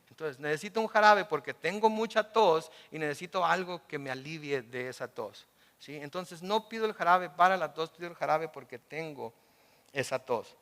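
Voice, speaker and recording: A man's voice: on the high side, fairly bright tone, big-room sound. A male pastor giving a sermon, putting questions to the congregation and answering them with everyday examples. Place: church service auditorium.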